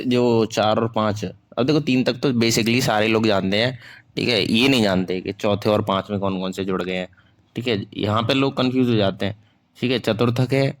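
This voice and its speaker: A young man with a somewhat low voice giving a classroom-style lecture and dictating notes. His talk is informal and self-deprecating. He blends Hindi with English and keeps asking whether the class is following. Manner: mixes Hindi and English, checks in with "theek hai" after nearly every phrase; informal and self-deprecating, corrects his own slips aloud. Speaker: online teacher.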